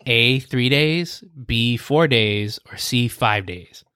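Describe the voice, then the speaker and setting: A man's voice: mid-range voice, very slow, pushed and bright, smooth, dry recording, studio quality. A man hosting a podcast, reading food quiz questions in a game-show manner and often laughing. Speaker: podcast host, quizmaster.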